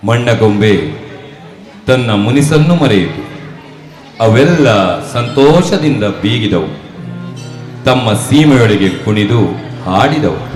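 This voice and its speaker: A man's voice: mid-range voice, lively intonation, slow pace, pauses often, darkish tone. A man narrating a stage drama, declaiming in a storybook way. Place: large hall. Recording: long echo in a hall, music.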